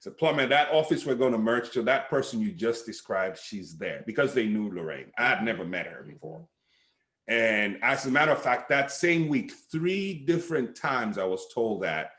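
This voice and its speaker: A middle-aged man from Sierra Leone, a pastor, telling a personal story in a relaxed way with lots of fillers over a home video call. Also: mid-range voice, moderate pace, echoey room. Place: living room at home, indoors. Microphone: webcam on a video call.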